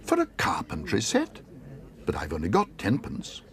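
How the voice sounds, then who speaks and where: A man's voice: on the low side, moderate pace, voice pushed up. A man voicing Paddington, a polite and earnest young male bear, in a storybook reading. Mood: excited. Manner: earnest, excitable exclamations. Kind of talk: storybook narration with character voices.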